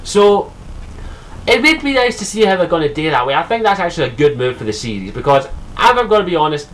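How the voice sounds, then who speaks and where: This young Scottish gaming vlogger talks fast and very animatedly in a slightly high, fairly bright voice, swearing casually through his solo game commentary. He's full of ums and restarts, and the low-quality audio has a little hiss or hum.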